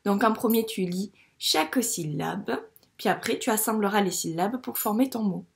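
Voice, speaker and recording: Her mid-range voice is creaky, with lively intonation, as this French first-grade teacher patiently walks a young child through phonics. She goes slowly, stretching each syllable as she sounds out the words.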